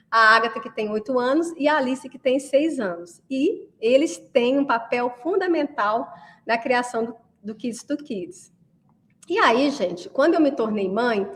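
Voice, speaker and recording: A woman from Brazil giving a chatty class to parents, often asking listeners to agree as she talks. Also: a little high. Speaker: course creator addressing parents. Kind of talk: casual promotional class talk.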